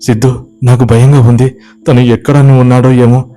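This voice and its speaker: A man's voice: mid-range voice, measured pace, dark tone, slightly rough, faint music behind, voice pushed up. A man voicing a distraught middle-aged village woman, tearful and frantic.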